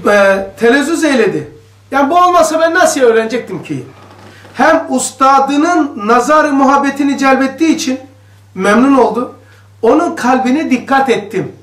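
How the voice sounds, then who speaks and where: A man with a very high, fairly bright voice leads a religious study circle, reading a text aloud at a normal speed and explaining it in a chatty, animated way. He talks conversationally, unpacking each passage and questioning the listeners. His voice carries a cave-like echo, recorded in an echoey room far from the mic.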